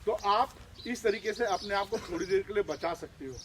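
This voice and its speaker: High-voiced man teaching children outdoors. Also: moderate pace, background noise. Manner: lively, asks the children questions. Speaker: outreach trainer. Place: village, outdoors.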